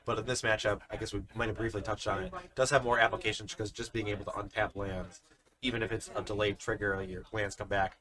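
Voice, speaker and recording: A man's voice: fairly low pitch, little pitch movement, quick pace, sharp tone. A man giving live card game commentary, explaining the plays step by step in an analytical way. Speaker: tournament commentator.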